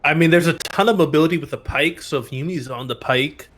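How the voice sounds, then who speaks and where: A man's voice: fairly high pitch, fairly quick, fairly bright tone, slight background noise. A man casting an amateur esports final, explaining drafts steadily while his voice tires. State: voice tiring. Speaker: esports caster. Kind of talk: play-by-play casting.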